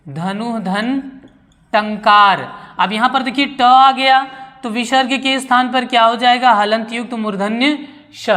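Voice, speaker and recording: A woman teaching a Hindi grammar lesson who asks her pupils rhetorical questions, answers them herself, and repeats key words slowly. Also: a little high, a bit bright, in a large hall. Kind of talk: classroom-style grammar lesson.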